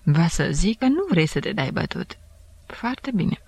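A man's voice: fairly high pitch, very animated, creaky, breathy edge, heavily acted. A woman voicing a jovial male judge who talks in a familiar, bantering, disbelieving way. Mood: jovial, incredulous. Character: jovial, puzzled middle-aged male investigating judge.

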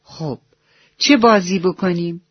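A man's voice: high voice, breathy edge, no room sound. Man doing a dutiful little boy duckling. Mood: coaxing. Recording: dull lo-fi dry recording.

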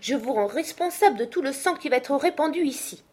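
A woman's voice: sits high, lively intonation, a little fast, darkish tone, voice pushed up. A woman reader voicing a carefree, swaggering young man who answers his sister with mock politeness. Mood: mock-polite, airy. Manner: airy, mock-polite, sing-song.

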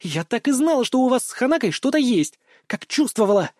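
A man's voice: sits high, fast, darkish tone, no echo, clean studio sound, pitched above the performer's own voice, natural voice. A man voicing a cheerful, pushy young woman who chatters and wheedles in an audiobook. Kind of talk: audiobook narration.

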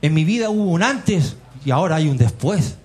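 Husky Chilean man preaching fervently. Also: on the high side, lively intonation, moderate pace, darkish tone. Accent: Chilean Spanish. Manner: fervent, rhetorical questions, keeps addressing listeners as brother. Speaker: lay preacher. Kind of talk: sermon. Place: church meeting hall.

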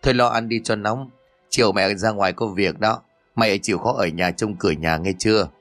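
Guy doing a nagging mom in a horror audio story, fast scolding, lowish voice, faint music under. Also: a bit bright, no echo. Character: scolding middle-aged mother, sharp-tongued.

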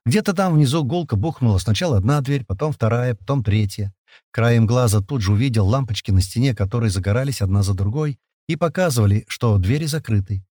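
A man's voice: medium pitch, expressive, fairly quick, mellow, no room sound, clean studio sound. A man narrating an audiobook in the first person, in a casual manner with coarse slang.

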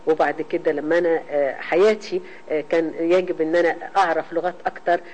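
Quick-talking older Egyptian woman, low register. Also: fairly even intonation, darkish tone, lo-fi sound, slight background noise. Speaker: interviewee. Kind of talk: reminiscing in conversation.

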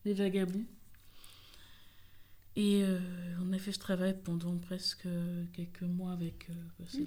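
Woman interviewer, mellow tone, halting casual talk, restarts. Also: on the low side, completely flat delivery. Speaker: resident interviewer. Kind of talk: conversational interview.

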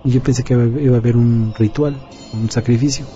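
A man's voice: medium pitch, fairly even intonation, fast talker, warm tone. A man giving an earnest personal testimony as an interview guest. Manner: earnest, confiding storyteller. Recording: dull lo-fi audio, faint music.

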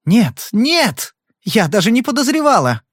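A man's voice: extremely high pitch, wildly swooping pitch, unhurried, slightly rough, no room sound, clean studio sound, pitched above the performer's own voice, heavily acted. A man voicing a fierce, defensive middle-aged wife in an audiobook, speaking in an insistent, protective way. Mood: defiant.

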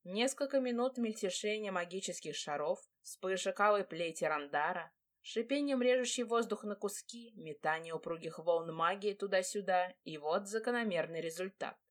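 A woman reading a first-person fantasy romance audiobook in a measured, dramatic way. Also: mid-range voice. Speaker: audiobook narrator.

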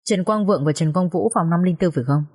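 A woman reading the part of an efficient hospital nurse in an audio story, giving brisk directions. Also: lowish voice, a little mellow, slightly rough.

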